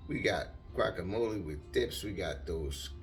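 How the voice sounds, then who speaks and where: Older guy rambling through a story, deep gravelly voice, swings up and down a lot, faint music under it. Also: measured pace. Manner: rambling, animated, acts out quotes. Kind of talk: casual storytelling.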